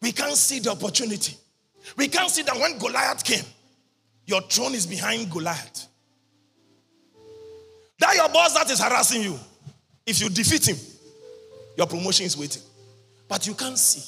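A man preaches in a very high, husky, gravelly voice, chanting half-sung lines and breaking into shouts. The sound rings bright and sharp. His voice echoes through a large hall with soft music underneath. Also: very animated, normal speed, long pauses. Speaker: prophet preaching. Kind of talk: sermon. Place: large church or convention hall. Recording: reverberant hall with music behind.

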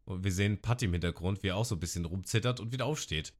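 A man's voice: low voice, very fast. A man on a podcast, casually retelling an anime episode and acting out the characters' lines. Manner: lively retelling, acting out quotes with shouts.

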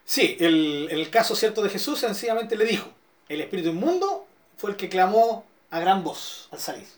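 A man's voice: high voice, very animated, moderate pace. A middle-aged man with a Chilean accent, a pastor teaching an interactive Bible study who keeps checking in with his listeners. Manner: questioning, checks in with listeners often.

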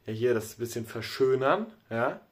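A man's voice: medium pitch, moderate pace. Chatty man musing on wording. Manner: animated, playful, muses aloud on wording. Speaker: podcast co-host. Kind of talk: casual chat.

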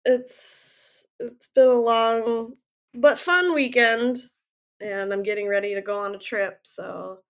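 A woman co-hosting a podcast, chatting casually, answering in short relaxed replies and laughing easily. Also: fairly high pitch, slow pace. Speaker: podcast co-host. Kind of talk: casual chat.

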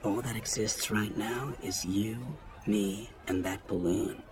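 A man voicing an earnest young male knight in an audiobook, speaking softly and sincerely. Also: lowish voice, lively intonation, moderate pace, faint music behind, lightly acted. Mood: whispering.

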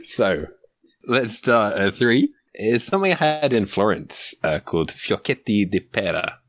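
A man's voice: medium pitch, big pitch swings, a little slow, no echo. A man chatting casually on a podcast, laughing as he describes food. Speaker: podcast guest.

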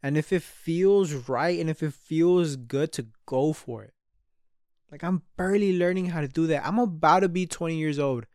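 A young podcaster in his twenties reflects by himself on mic, cursing freely and drifting off mid-sentence before restarting. His voice sits on the high side, a little mellow, at normal speed, and the studio recording is clean with no room sound.

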